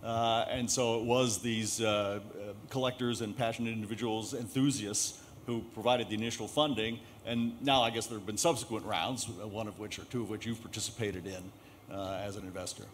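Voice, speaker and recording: A middle-aged man moderating a live panel discussion, speaking haltingly with many filler sounds and polling the audience. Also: fairly low pitch, fairly even intonation, slight background noise.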